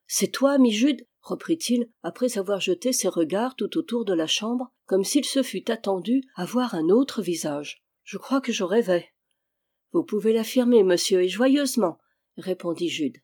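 Female audiobook reader, measured and calm, classic novel narration. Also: lowish voice, husky.

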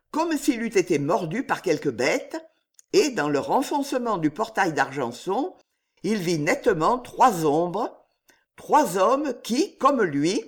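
A reader narrating an audiobook in a slow, expressive storytelling manner. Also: mid-range voice.

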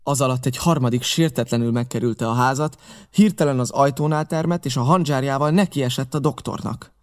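A man reading an adventure novel aloud as steady, scripted narration. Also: medium pitch. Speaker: audiobook reader.

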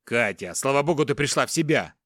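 A man's voice: medium pitch, expressive, brisk, a bit bright, no echo, clean studio sound, lightly acted. A man voicing a tough middle-aged father held captive, firm and reassuring. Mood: soothing.

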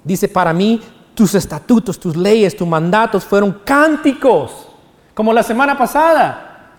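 A man's voice: sits high, expressive, unhurried, in a large hall. A man preaching a sermon in as pastor, explaining scripture point by point. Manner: preaching with sung quotes of songs.

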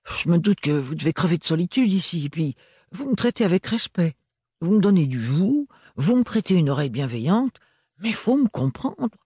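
A man reading an audiobook, voicing a young teenage chambermaid who pleads in a high, breathless voice. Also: big pitch swings, normal speed, warm tone, husky, no room sound, clean studio sound, heavily acted. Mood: anxious. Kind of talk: audiobook character voice.

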